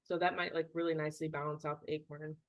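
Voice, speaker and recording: A woman's voice: sits low, flat delivery, quick pace, highs cut off. A woman with a New Jersey accent co-hosting a casual online gathering, chatting and thinking aloud over a video call. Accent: New Jersey, Northeastern US. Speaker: gathering co-host.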